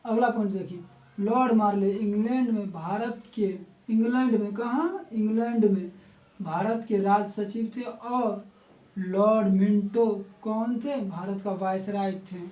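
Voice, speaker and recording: A man's voice: sits high, measured pace, dark tone. A man teaching an exam-prep history lesson, often repeating key words, quizzing his listeners and restarting words he trips over. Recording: roomy echo, mic at a distance.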